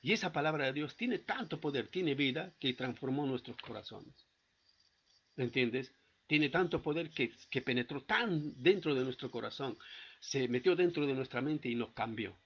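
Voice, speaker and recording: A man's voice: medium pitch, animated, moderate pace, slightly rough, dull audio. A man preaching a sermon at a church service, often stopping to ask the congregation whether they follow him. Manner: asks the congregation frequent rhetorical check-in questions.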